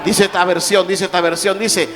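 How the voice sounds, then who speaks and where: A man preaching a sermon as pastor in a church, calling on the congregation to answer and rising to shouts. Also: high voice, level tone, moderate pace. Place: church sanctuary. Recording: live church hall with long reverb and faint music.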